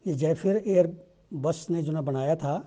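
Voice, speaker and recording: A man with an Indian accent, teaching exam questions in a conversational way and reading statements aloud slowly. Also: on the high side, dark tone. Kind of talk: explaining current-affairs exam questions.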